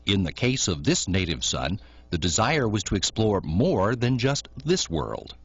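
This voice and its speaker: A man reading scripted documentary narration in a measured, informative way. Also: fairly low pitch, very animated, slightly rough. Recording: dull lo-fi recording, dry.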